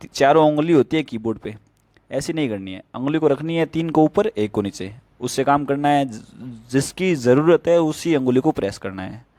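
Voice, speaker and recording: A man's voice: medium pitch, darkish tone, no echo. A man who teaches stenography gives a casual spoken tutorial with plain, step-by-step tips.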